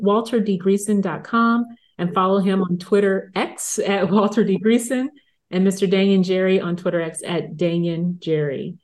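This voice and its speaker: A woman with a mid-pitched voice hosts a book review interview. She asks her questions in a measured, polite way. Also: a little mellow.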